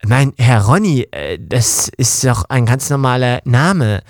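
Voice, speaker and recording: A man's voice: mid-range voice, expressive, measured pace, no room sound, clean studio sound, voice pushed down. A man voicing a pompous male squire companion who lectures in a stilted, formal way in an audio story. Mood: lecturing.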